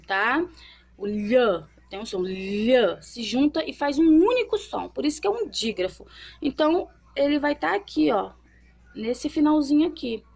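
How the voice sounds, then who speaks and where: A young woman teaching a children's literacy lesson, drawing as she talks and slowly sounding out syllables, often checking in with the listener. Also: fairly high pitch, creaky, darkish tone. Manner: checks in often with tag questions.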